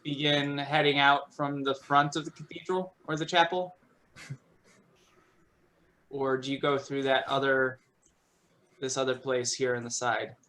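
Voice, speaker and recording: A man narrating as game master of a tabletop game, halting and full of restarts. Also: medium pitch, flat delivery, bright, forceful tone. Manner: halting, with many restarts and fillers.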